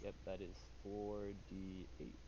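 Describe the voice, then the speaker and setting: Hesitant man with a lowish voice, gaming. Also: level tone, takes it slowly. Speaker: tabletop game player. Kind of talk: casual game chat. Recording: dull lo-fi mic, background noise.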